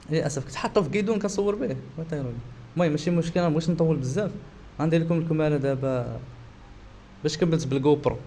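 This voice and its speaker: Fast-talking Moroccan man vlogging casually. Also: a little high, warm tone. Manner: repeats himself. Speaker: cycling vlogger. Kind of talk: casual vlog talk. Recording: faint background ambient noise.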